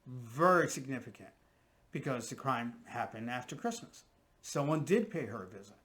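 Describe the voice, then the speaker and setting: A man's voice: mid-range voice, animated, moderate pace, a bit bright. A man, a profiler, talking through his theory in casual conversation and often checking in with "right?" and "okay?". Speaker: guest profiler.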